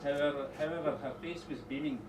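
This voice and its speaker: A middle-aged man giving an informal wedding speech as father of the bride, rambling a little with pauses and dry teasing asides. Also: on the high side, steady tone. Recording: echoey room, distant mic, noisy background.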